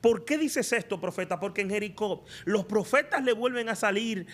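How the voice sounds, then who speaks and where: High-voiced man preaching a sermon. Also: moderate pace, fairly bright tone. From Latin America. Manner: preaching with emphatic rhetorical questions. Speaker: prophet and teacher. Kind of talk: sermon teaching.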